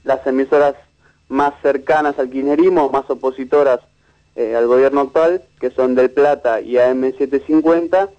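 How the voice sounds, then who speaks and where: A man, a media researcher giving a measured, analytical interview with frequent restarts. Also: mid-range voice, steady tone, darkish tone, muffled recording.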